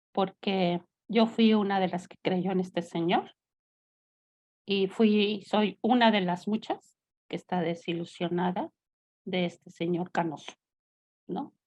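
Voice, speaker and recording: A woman's voice: medium pitch, fairly even intonation, slow, long pauses, darkish tone. A Mexican woman hosting a talk show, chatting casually and rambling with many fillers and asides. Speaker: host.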